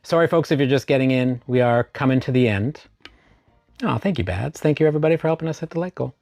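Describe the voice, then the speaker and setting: A man's voice: medium pitch, quick pace, creaky, a little mellow, dry recording, soft background music. A man hosting a casual live stream, greeting viewers by name and spelling out chat commands.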